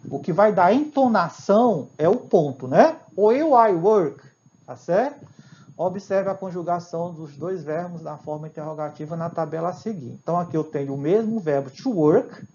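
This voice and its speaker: A man's voice: high-pitched, a little mellow. A man with a Brazilian accent, an English teacher giving a recorded grammar lesson, explaining patiently and often checking in with his students. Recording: dull lo-fi with faint hiss.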